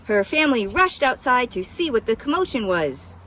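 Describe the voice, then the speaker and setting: A woman's voice: on the high side, very animated, normal speed, a bit bright, a little hiss or hum. A woman narrating a children's picture book as a scripted story reading.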